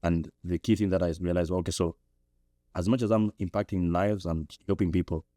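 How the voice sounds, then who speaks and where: This young man from Zambia talks fairly quickly as a podcast guest, musing thoughtfully and frequently starting over. His pitch rises when he gets animated. It's reflective interview talk, captured dry on a studio podcast mic.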